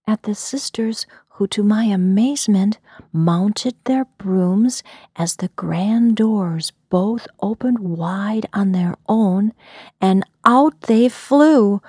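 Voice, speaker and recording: A woman from the US Midwest telling a story in a soft, breathy whisper. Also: fairly high pitch, no room sound, clean studio sound.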